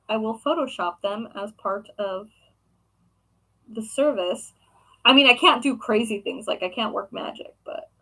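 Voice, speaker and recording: Bright-voiced chatty young woman. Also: fairly high pitch, rough recording. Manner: chatty, rambling with many fillers. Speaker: craft shop owner and vlogger. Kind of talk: casual chat answering viewers.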